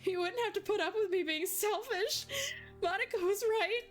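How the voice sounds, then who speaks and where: A woman voicing a cheerful yet heartbroken teenage girl, speaking high and tearfully while reading a visual novel aloud. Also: lively intonation, measured pace, soft background music. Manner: high, wavering, tearful pleading.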